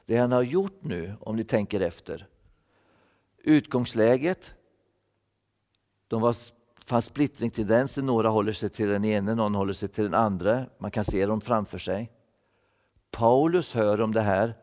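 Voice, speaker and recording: A man's voice: on the low side, darkish tone, in a large hall. A man giving a thoughtful Bible-teaching sermon, repeating words as he explains. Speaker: preacher.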